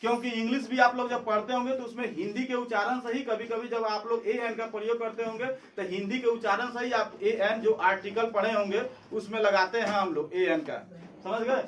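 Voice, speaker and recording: A man's voice: extremely high pitch, steady tone, fairly bright tone, slight background noise. A male teacher giving a classroom lesson, asking questions and answering them himself, saying sounds one at a time. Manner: drills by asking and answering his own questions; says sounds slowly one by one. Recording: echoey room, far from mic.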